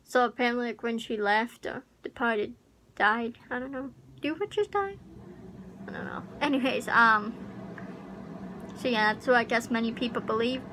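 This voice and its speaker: A young woman YouTuber rambles uncertainly through a casual vlog chat full of fillers, her fairly high voice pushed and bright at normal speed. She's filmed close on a webcam in her small pink bedroom, and the low-quality home recording picks up the air conditioner's hum.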